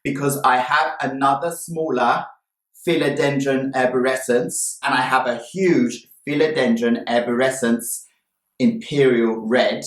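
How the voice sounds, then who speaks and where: A man's voice: mid-range voice, fairly even intonation. Gushing, cheerful man in an echoey room. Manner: relentlessly cheerful, gushing with drawn-out emphasis on praise words. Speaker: plant vlog host. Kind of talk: casual presentation to viewers, showing plants. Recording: roomy, echoey indoor sound.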